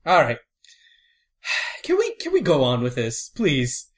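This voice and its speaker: A man co-hosting a casual podcast, talking fast and laughing a lot as he teases his partner. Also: medium pitch. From Houston area. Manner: animated, laughs a lot, teasing. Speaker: podcast co-host.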